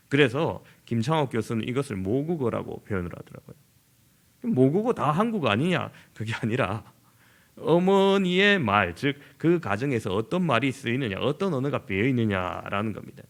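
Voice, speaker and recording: A middle-aged male pastor from southern Korea preaches with a rough, gravelly edge in his voice. His pitch rises and falls freely, and he slips into lively voices to act out conversations. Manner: animated, acts out everyday dialogue in lively voices. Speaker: senior pastor. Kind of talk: sermon.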